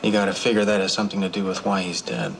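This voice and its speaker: A sarcastic, skeptical cop. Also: male voice, low-pitched, expressive, very fast, creaky. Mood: dry. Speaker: police officer. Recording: TV drama audio with background noise.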